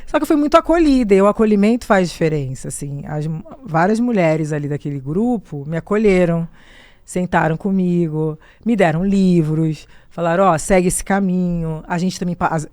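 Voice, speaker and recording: A Brazilian woman with a Brazilian Portuguese accent, a podcast guest telling a personal story in lively detail and acting out what she said back then. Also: on the low side, brisk, no echo. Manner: animated, acts out her own past words in quotes.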